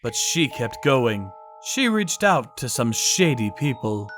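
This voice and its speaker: In a manga dub, a man voices a hardboiled vigilante who narrates the story grimly and steadily. His pitch sits in the middle, his pace is slow, and faint music plays underneath.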